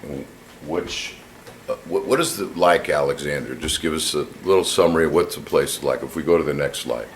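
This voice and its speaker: A man's voice: a bass voice, brisk. A man serving as the plaintiff's attorney, questioning a witness in a courtroom with patient, plain questions and small restarts. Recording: echoey courtroom audio with background noise.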